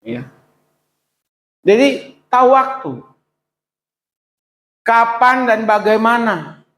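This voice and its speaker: A middle-aged man preaching to his congregation in a notably high voice. He leans on rhetorical questions, climbing into high pleading exclamations and then dropping to low, quiet asides. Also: lively intonation, drawn-out words, low-quality recording. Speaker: pastor. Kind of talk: sermon.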